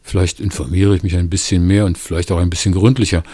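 A man reading as a patient, reasoning neighbor with a dry wit. The voice sits very low and dark with a husky edge. It is recorded dry and close. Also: steady tone, fast talker, no echo. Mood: explaining. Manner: patient, explaining, mildly ironic. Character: calm, reasoning middle-aged male neighbor.

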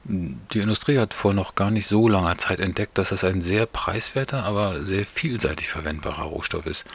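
Lecturing neighbor, male, deep husky tone, measured and faintly scornful, read by a man. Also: heavily acted. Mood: explaining. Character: calm, critical male neighbor explaining consumer politics.

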